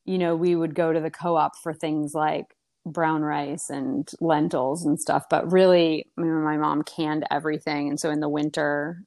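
A young woman telling stories about her childhood in a relaxed conversational way, with lots of fillers and restarts. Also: sits low, moderate pace. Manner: rambling, many fillers and restarts. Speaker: podcast guest. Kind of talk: casual conversational storytelling.

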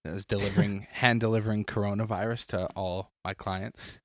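A man with a somewhat low voice tells a workday story among friends, breaking into laughter and acting out the people in it. The sound is dry and close to the mic. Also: fairly even intonation, a little fast, no echo. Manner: laughing often, acting out quotes. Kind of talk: casual chat, storytelling.

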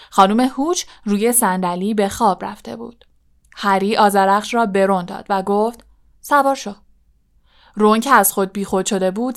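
A woman reading a storybook audiobook aloud in a measured way, often dropping to a hush. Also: mid-range voice. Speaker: audiobook narrator. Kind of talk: scripted storybook narration.

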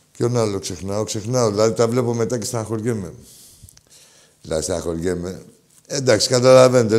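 A man hosting a call-in show, joking crudely with callers, swinging between loud mocking outbursts and low mutters. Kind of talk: crude casual call-in banter.

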